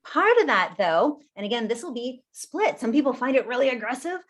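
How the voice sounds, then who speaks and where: Lively woman presenting on a video call. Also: on the high side, fairly quick. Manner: lively and conversational, laughs often; talks while standing and gesturing. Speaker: workshop presenter. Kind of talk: live online presentation.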